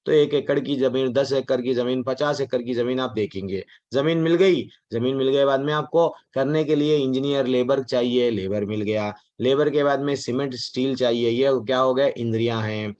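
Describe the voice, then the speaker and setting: A man's voice: medium pitch, moderate pace, hardly any pauses, darkish tone. A man teaching a devotional class on the Gita in a chatty way, mixing in English words and acting out the voices he quotes. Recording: dull lo-fi recording.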